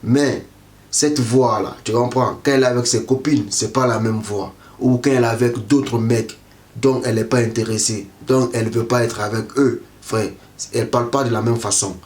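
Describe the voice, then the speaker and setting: A man's voice: mid-range voice, fairly even intonation, normal speed, darkish tone. A man giving dating advice straight to the viewer in a casual monologue, who keeps checking if the listener understands. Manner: repetitive, keeps asking "tu comprends?".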